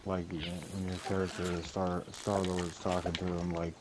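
Playing a game, a man rambles in a casual chat, swearing freely, his voice sitting low with a flat delivery and a measured pace. His recording is noticeably noisy and full of clicks.

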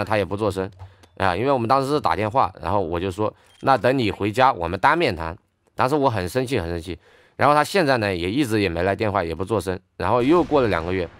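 A game streamer, a man with a somewhat low-pitched voice, tells his story in a heated, indignant rant. He talks casually to his viewers while playing. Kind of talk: ranting story over gameplay.

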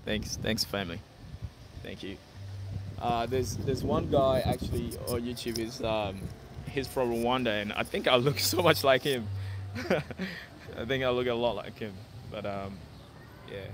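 Holding his phone at arm's length on a busy, sunny city street, a young Ghana-born man chats with his live-stream viewers and reads their comments out. His medium-pitched voice runs a little slow, relaxed and repetitive, and "okay" and "yeah" come up constantly. Traffic and street sounds fill the background.

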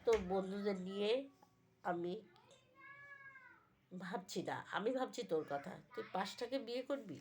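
A woman's voice: mid-range voice, measured pace, long pauses, a little mellow, a little hiss or hum, natural voice. A woman voicing a widowed father, exclaiming in disbelief at his son's plans. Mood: incredulous. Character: bewildered widowed father, fussing.

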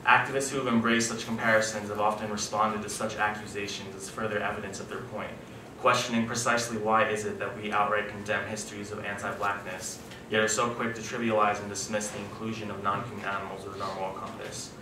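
A man's voice: lowish voice, little pitch movement, fast. A young man from New York, short of breath from altitude sickness, presenting an academic paper at a conference. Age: young adult. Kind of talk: reading a prepared academic paper. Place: wood-panelled conference room, indoors. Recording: echoey room, distant mic, background noise.

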